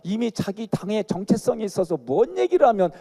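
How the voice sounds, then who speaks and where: A middle-aged man with a Chungcheong accent preaches in a large sanctuary, his voice high and mellow. His delivery swings up and down as he tells folksy stories and jokes with the congregation. A long church reverb trails every phrase. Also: sing-song, brisk, vocal fry. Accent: Chungcheong Korean dialect. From Chungcheong Province, Korea. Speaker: guest pastor. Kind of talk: sermon with personal stories.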